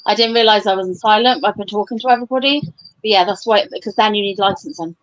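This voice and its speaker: A woman chatting casually, making quick practical asides. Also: mid-range voice, dry recording. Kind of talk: casual chat. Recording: dull lo-fi audio.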